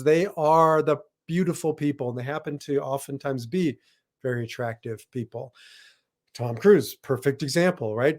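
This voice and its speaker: A middle-aged man hosting a solo podcast as a logotherapist, talking casually and correcting himself with asides as he goes. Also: medium pitch. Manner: rambling, self-correcting, with asides.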